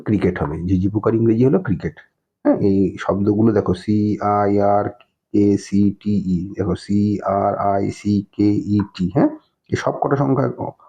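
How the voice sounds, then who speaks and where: Male primary teacher, mellow husky voice, spells words out letter by letter. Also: lowish voice. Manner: patient, checks in with "হ্যাঁ?" after nearly every phrase. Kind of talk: explaining a textbook lesson. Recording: dull lo-fi recording.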